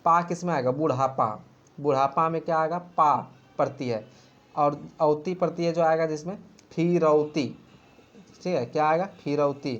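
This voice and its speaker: A man's voice: on the high side, steady tone, normal speed, fairly bright tone. Man drilling grammar in a dull recording. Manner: repetitive question-and-answer drilling. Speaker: teacher. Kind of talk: exam-prep grammar lesson.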